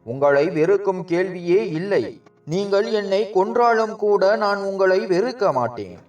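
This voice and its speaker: A man's voice: high-pitched, lively intonation, normal speed, darkish tone, distant mic, lo-fi sound, soft background music. A man voicing a grieving young nephew in a storybook, desperate and devoted.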